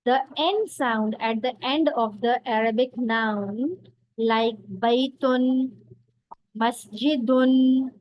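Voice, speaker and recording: A woman teaching a beginner Arabic lesson, explaining slowly and patiently and repeating each word for learners. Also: on the high side, no room sound, muffled recording.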